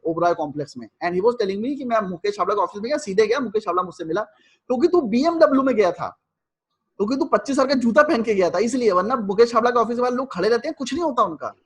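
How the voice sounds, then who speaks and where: A man's voice: sits high, fairly bright tone, breathy edge. A young man hosting an interview, talking bluntly and casually, swearing freely and slipping into English phrases. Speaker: YouTube interviewer. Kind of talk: casual Hindi-English conversation.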